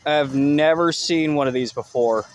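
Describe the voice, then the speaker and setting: A man vlogging casually outdoors on a rural delivery route, rambling and swearing as he records on his phone. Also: unhurried. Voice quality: profane, rambling, lively swings in pitch. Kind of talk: casual vlog.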